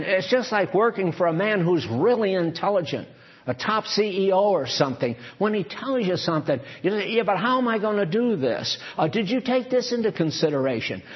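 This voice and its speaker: An older man teaching from the Bible in a conversational, off-the-cuff way, reading verses aloud and then explaining them with asides. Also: a little high. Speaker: preacher. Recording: dull lo-fi recording.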